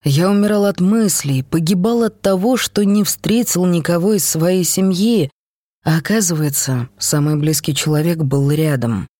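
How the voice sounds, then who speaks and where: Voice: medium pitch, moderate pace, dark tone, no echo. Dry, close audiobook narrator. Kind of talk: audiobook narration of a first-person story.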